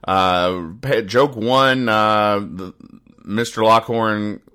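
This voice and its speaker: A podcast host with a deep, low-pitched, smooth voice runs a comedy commentary show. His manner is deadpan and pedantic, and he haltingly over-explains every point in needless detail.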